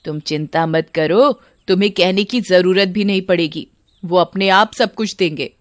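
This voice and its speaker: A woman's voice: fairly low pitch, normal speed, no echo, clean studio sound, close to an everyday voice. A woman voicing a coaxing, persuasive middle-aged matchmaker from a village.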